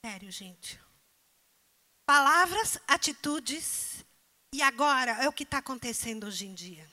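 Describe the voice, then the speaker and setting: A woman's voice: high-pitched, animated, normal speed, bright, forceful tone. A woman preacher delivering a sermon, pressing the congregation with emphatic rhetorical questions.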